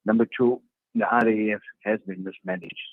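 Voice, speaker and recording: A man's voice: fairly low pitch, level tone, normal speed, creaky, no echo. A man, a party councillor, answering interview questions earnestly over a video call and repeating his points for emphasis. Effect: heard over a video call. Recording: tinny, dry video-call line.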